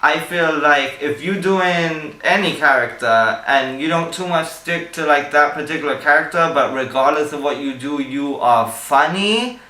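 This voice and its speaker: A man's voice: on the high side, moderate pace, few pauses, pushed and bright, roomy sound, rough recording. A man co-hosting a casual review podcast, chatty and opinionated. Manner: chatty, opinionated, many fillers. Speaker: podcast co-host. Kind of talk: casual chat.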